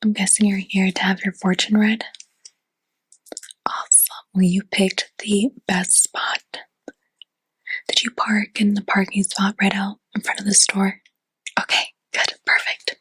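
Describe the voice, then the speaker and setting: A woman's voice: medium pitch, little pitch movement, unhurried, pauses often, fairly bright tone, slightly rough, dry recording, poor audio. A woman whispering in a chatty ASMR roleplay as a fortune teller, with lots of casual fillers.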